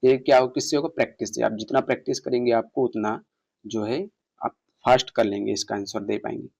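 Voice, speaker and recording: A man teaching an online exam-prep lesson, reading passage lines slowly and explaining them, asking his students questions. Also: mid-range voice, steady tone, gravelly, a little mellow. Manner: reads English passages slowly, explains in Hindi, quizzes viewers. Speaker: English exam tutor.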